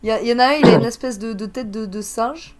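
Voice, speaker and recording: A chatty, animated woman talks casually with a friend, often laughing. Her voice sits a little high. A noisy crowd murmurs clearly behind her. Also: fast. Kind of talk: casual chat.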